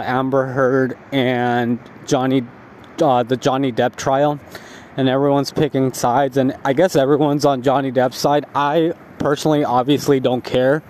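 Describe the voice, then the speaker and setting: A man's voice: mid-range voice, darkish tone. Tired, stoned man rambling outdoors. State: high and tired. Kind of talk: casual spoken diary. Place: outdoors, walking along a residential street at night. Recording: outdoor street noise with passing cars.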